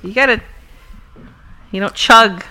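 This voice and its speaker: A woman's voice: a little high, slow, pushed and bright, a little hiss or hum, rough recording. A woman co-hosting a podcast, chatting casually and tossing out dry one-liners. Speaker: podcast co-host. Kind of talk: casual chat.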